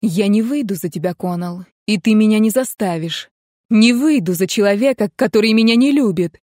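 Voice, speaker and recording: A woman's voice: medium pitch, darkish tone, no room sound, natural voice. Woman voicing a cold, defiant noblewoman for an audiobook, dry close sound. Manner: cold, cutting, measured. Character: proud, defiant young noblewoman. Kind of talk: audiobook character reading.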